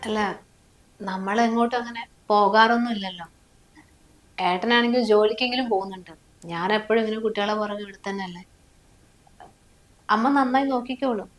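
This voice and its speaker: A woman acting a wife in a short drama, complaining and hurt in tone. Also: fairly high pitch. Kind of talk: scripted drama dialogue.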